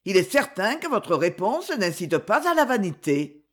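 A woman reading a storybook voices an earnest, proud gentleman suitor, speaking tenderly in her own voice. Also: medium pitch, big pitch swings, moderate pace.

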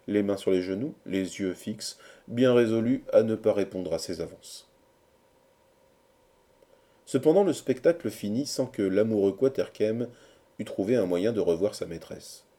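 Gravelly, dark-voiced male storyteller. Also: low voice. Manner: expressive, measured storytelling. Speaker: audiobook narrator. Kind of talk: scripted narration.

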